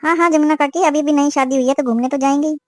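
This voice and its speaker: A woman's voice: high-pitched, fairly even intonation, fast, no echo, natural voice. A woman voicing a suspicious, scolding middle-aged mother-in-law in a cartoon. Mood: friendly. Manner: scolding, complaining. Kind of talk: cartoon voice acting.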